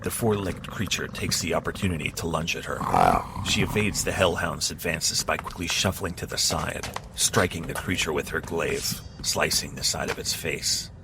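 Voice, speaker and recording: In steady, measured tones, a man with a very deep voice delivers scripted narration of an action story in the second person. Clear background noise runs beneath him.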